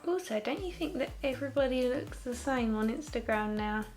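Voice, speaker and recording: A woman's voice: a little high, expressive, a little fast, darkish tone, soft background music. A young woman talking through a makeup tutorial in a casual, candid way, with sarcastic asides.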